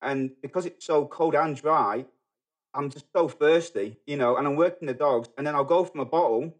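Halting Manchester man, lots of restarts. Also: on the high side. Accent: Manchester English. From England. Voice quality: halting, many restarts and fillers. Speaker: guest. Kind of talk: casual podcast conversation.

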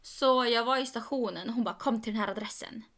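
A young woman co-hosting a podcast, telling a story in casual chat and quoting people with rising emphasis. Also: on the high side. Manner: animated, quoting others with "jag bara" and rising emphasis. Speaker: podcast co-host.

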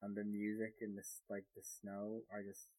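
A man's voice: lowish voice, completely flat delivery, normal speed, a little mellow, rough recording. A man co-hosting a podcast, chatting casually and gushing with enthusiasm, swearing and restarting his sentences. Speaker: podcast co-host. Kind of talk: casual chat.

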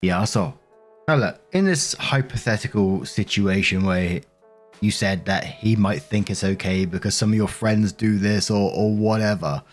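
A man's voice: fairly low pitch, unhurried, soft background music. A man reading Reddit relationship stories aloud and then reacting bluntly in his own words. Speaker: story narrator.

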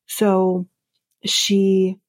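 A woman's voice: medium pitch, monotone, drawn-out words, no echo. A young woman hosting a podcast, recapping a reality show in a casual, opinionated, chatty way, full of "like" and "um" and laughing at her own asides. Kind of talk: casual chat.

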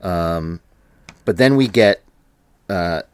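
A man with a low voice talks slowly as a podcast co-host, his pitch rising and falling widely as he chats. He laughs often and fills his pauses with ums and restarts. The recording is dry and close. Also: animated, darkish tone, clean tone, dry recording. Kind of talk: casual chat.

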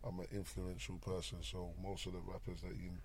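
A man's voice: low voice, completely flat delivery, brisk, darkish tone, slight background noise. A man with a South London roadman accent, telling stories casually in street slang and often tagging lines with "you get me". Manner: roadman way of talking with frequent "you get me" tags. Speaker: interview guest, former garage MC and rapper.

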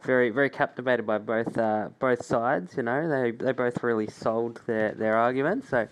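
A man with a very clear, smooth voice at a medium pitch. He chats as a podcast panellist, hesitant and measured. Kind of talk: casual chat.

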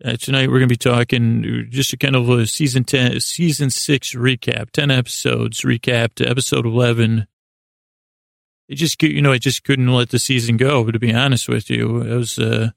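Meandering and self-deprecating, this man hosts a sleep podcast, drifting through a hesitant bedtime monologue full of trailing asides to help listeners doze off. His mid-range voice is creaky and gravelly, captured with studio quality and no room sound.

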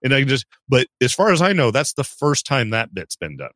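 A man's voice: medium pitch, big pitch swings, fairly quick, fairly bright tone, no echo, studio quality. A man co-hosting a podcast, casually walking through a movie's plot at length with asides. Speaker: podcast co-host.

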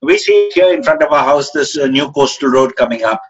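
A man in his seventies with an educated upper-class Indian English accent, giving reflective interview answers in a halting, hesitant way as he searches for words. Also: a little high, expressive, slightly rough, faint music behind. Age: 70s. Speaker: interviewed author. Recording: dull, muffled lo-fi call audio.

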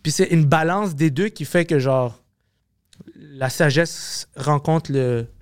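A man with a Québécois French accent, a comedian talking as a podcast guest, animated, swearing often and slipping into English. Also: on the high side, slow pace, clean tone, no room sound, studio quality. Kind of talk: casual podcast conversation.

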